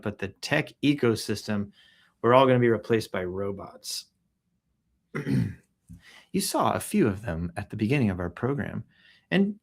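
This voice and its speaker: A man hosting a casual news read-through, joking around, clearing his throat often and making sound-effect noises between stories. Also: medium pitch. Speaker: host reading the news.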